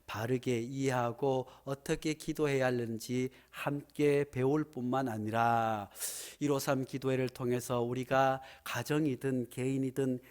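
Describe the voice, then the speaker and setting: A male pastor preaching a Sunday sermon in a church sanctuary, animated and building to emphatic exclamations. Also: mid-range voice, a little slow, few pauses.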